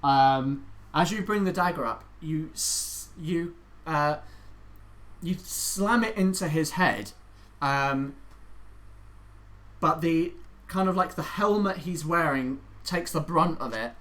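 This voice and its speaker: A man with a moderately high voice runs a tabletop role-playing game. He narrates and makes rulings casually. His delivery halts and restarts as he searches for the right words. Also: takes it slowly, a bit bright. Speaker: game master.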